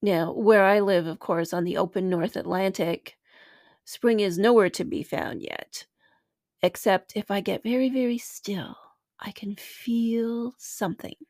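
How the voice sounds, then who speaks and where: A woman hosting a spiritual podcast speaks slowly and gently, letting phrases trail softly, sometimes almost to a whisper. Her voice sits at a middle pitch. The sound is close and dry, with no room around it. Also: no echo. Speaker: podcast host and spiritual teacher. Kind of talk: slow reflective podcast talk.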